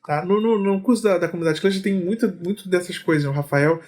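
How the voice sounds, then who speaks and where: A man teaches rhythm reading in an online lesson. His voice sits fairly high for a man, and he explains patiently. He often breaks into chanted rhythm syllables while keeping a steady pulse. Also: quick pace. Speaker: music teacher.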